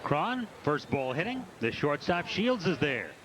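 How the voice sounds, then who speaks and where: A man's voice: a little high, sing-song, a little slow, heavy background noise. A man giving baseball play-by-play commentary in the role of the game's announcer. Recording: ballpark crowd behind the voice. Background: stadium crowd.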